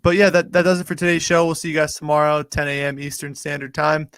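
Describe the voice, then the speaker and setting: A man co-hosting a sports betting show, relaxed and laughing as he chats and signs off. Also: on the high side, fast, clear, resonant tone, no echo, clean studio sound. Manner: relaxed, laughing, sign-off banter. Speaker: sports betting podcast co-host. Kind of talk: casual chat.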